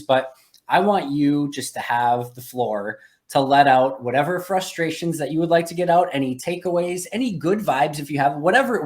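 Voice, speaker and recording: A male podcast host with a mid-range voice. He delivers sports commentary in a conversational style, explaining his points analytically. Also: mid-range voice.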